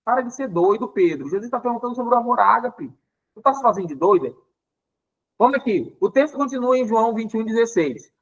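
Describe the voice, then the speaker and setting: Explaining Greek words in a Bible lesson, a man from Pará with a Paraense Brazilian Portuguese accent talks a little fast in a high voice on a low-quality recording. He keeps checking in with "tá?" and livens things up by acting out dialogue with playful exasperation.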